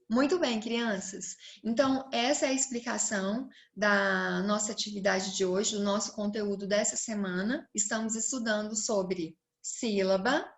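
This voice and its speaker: Brazilian lady teacher, talks real slow, higher voice, drawing out words for little kids. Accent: Brazilian Portuguese. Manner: slow, stretched-out words and questions to the pupils. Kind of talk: recorded class lesson for children.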